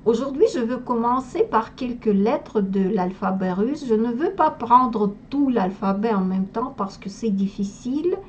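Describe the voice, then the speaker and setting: A woman's voice: a little high, lively intonation, unhurried, hardly any pauses, highs cut off, a little hiss or hum. A woman from Russia with a Russian accent, teaching a language lesson and carefully pronouncing sounds one by one. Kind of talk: slow spoken language lesson.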